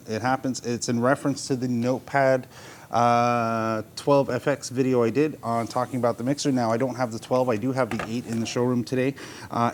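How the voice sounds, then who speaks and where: In a showroom, a male host casually answers viewer questions, explaining things off the cuff in a helpful, loosely phrased, unscripted way. A clear low rumble runs in the background.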